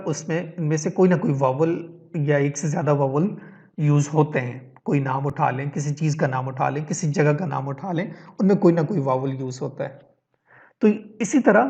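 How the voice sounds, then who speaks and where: A man with a slightly high voice teaches a reading lesson, explaining each step slowly. He mixes English words into his talk and checks in with his listeners as he goes. The recording sounds dull and lo-fi. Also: darkish tone. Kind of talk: online tajweed lesson.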